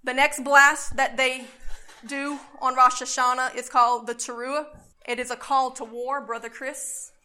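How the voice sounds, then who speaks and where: A woman preacher delivering a sermon with fervent, emphatic delivery, her phrases swelling loud. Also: high voice, flat delivery, measured pace, slight background noise.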